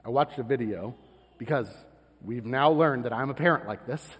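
A man's voice: medium pitch, moderate pace, slightly rough. A man from Florida preaching a conversational sermon as pastor, telling stories with self-deprecating asides. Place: church sanctuary. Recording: long reverb of a church hall.

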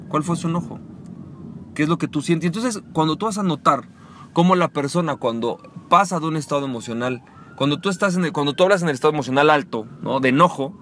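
A man hosting a podcast, coaching listeners on sales and acting out short dialogues in a calmer, lower voice. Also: a little hiss or hum. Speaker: podcast host. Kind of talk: motivational sales talk.

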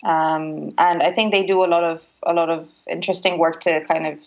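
A woman's voice: deep voice, steady tone, fairly quick. A woman in her thirties, a musician, answering interview questions in a hesitant way with many restarts. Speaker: interviewee, musician and former teacher. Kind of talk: conversational interview. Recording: dull lo-fi sound with faint noise.

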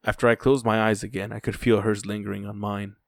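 A man's voice: on the low side, little pitch movement, fairly quick, creaky, no echo. A man narrating a first-person story in a dry, weary telling.

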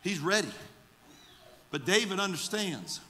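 Pastor guy preaching hard, high bright voice, yells then drops low, big echoey church. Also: big pitch swings, unhurried, slight background noise. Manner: fervent preaching, swings from shouted exhortation to quiet storytelling. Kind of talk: sermon. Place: church sanctuary.

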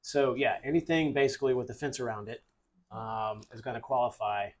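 A man's voice: mid-range voice, steady tone, a little fast, a little hiss or hum. A man hosting a podcast, explaining steadily in casual chat with the odd filler. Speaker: podcast host.

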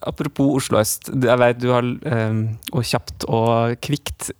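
A man's voice: mid-range voice, fairly even intonation, clean tone, no room sound, studio quality. A man interviewing an actor, asking searching questions with some hesitation.

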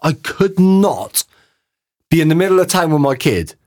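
A man co-hosting a casual podcast, talking in halting bursts with restarts and casual swearing. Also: on the high side, very animated, darkish tone. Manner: halting, restarts and loses his thread. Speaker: podcast co-host. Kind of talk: casual chat.

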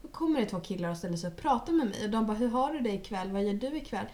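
A young woman, chatting casually and bluntly, telling stories with plenty of swearing. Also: mid-range voice. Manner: blunt, animated storytelling, swears freely. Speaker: podcast co-host. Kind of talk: casual chat.

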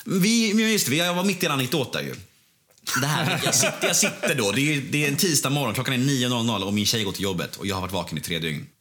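A man's voice: medium pitch, animated, fairly bright tone. A man guest telling a candid story in casual conversation, bluntly and with plenty of swearing.

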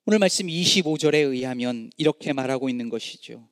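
A middle-aged man preaching a sermon, swinging from impassioned rising cries to hushed, low endings. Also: lively intonation, brisk, no echo, clean studio sound, big-room sound. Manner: dramatic rises and hushed drops, voicing anguished cries to God. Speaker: pastor.

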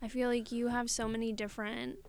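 Higher-voiced woman hosting a chat. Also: level tone, a little fast, a crowd in the background. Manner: friendly, encouraging, short prompts. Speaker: interviewer host. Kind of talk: casual interview chat.

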